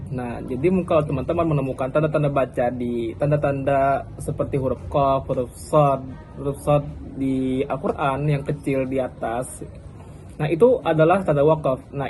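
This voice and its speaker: A man's voice: a little high, darkish tone, a little hiss or hum, poor audio. A young man giving a casual student class presentation, chatty, with frequent fillers and restarts.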